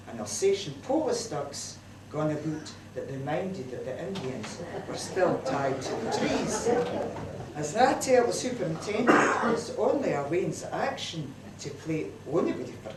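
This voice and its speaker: Broad Scots woman, comic monologue, lively pitch, distant roomy hall recording with noise. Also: unhurried. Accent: Scottish, broad Scots. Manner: lively, chatty Scots dialect delivery. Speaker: storyteller at a community event. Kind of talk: comic monologue told as a mother's letter. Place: community centre hall, live audience.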